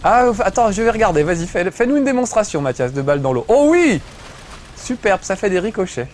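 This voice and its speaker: A middle-aged man chatting through a gameplay session, joking and swearing casually as he plays. His voice is fairly high and swings widely. A faint noise sits underneath. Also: big pitch swings, a little fast. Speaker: host playing a video game. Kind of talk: gameplay commentary.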